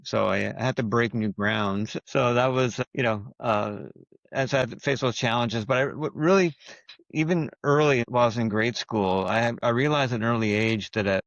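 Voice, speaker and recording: A French-speaking man from Quebec, Canada, guests on a podcast, thinking aloud in casual interview talk with lots of fillers and restarted sentences. His voice is lowish, gravelly and a bit bright, recorded without echo but with the highs cut off.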